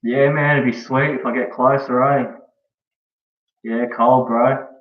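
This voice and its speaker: On a live stream, an Australian man talks in an unhurried, mid-range voice with fairly even intonation. He's casual and slangy, frequently tagging "eh" and "bro" onto sentences, and is captured far from the mic in a dull, echoey room.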